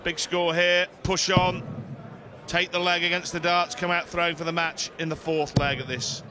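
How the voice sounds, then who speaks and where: A man's voice: sits high, little pitch movement, moderate pace, pushed and bright. A man doing live play-by-play commentary as lead commentator at a darts match. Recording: clear arena noise behind commentary. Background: noisy darts arena.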